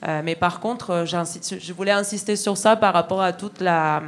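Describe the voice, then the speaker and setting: This Argentine woman, who works on the railways, has a lowish, steady voice and talks at a normal speed. Her account is sincere but halting, and she keeps stumbling over filler words and starting her sentences again.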